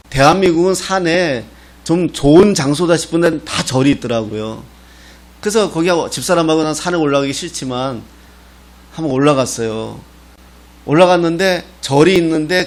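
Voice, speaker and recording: A middle-aged man, a pastor from Gangwon Province, preaching a sermon in a folksy, storytelling manner with touches of humor. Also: fairly high pitch. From Gangwon Province, Korea.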